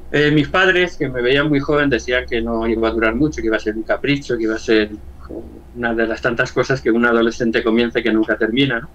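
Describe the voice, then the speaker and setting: A man in his sixties from Valencia with a Spanish accent from Spain, giving an earnest personal testimony as an interview guest, often halting and repeating words. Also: medium pitch, a bit bright, lo-fi sound. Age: 60s. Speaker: interview guest, church member.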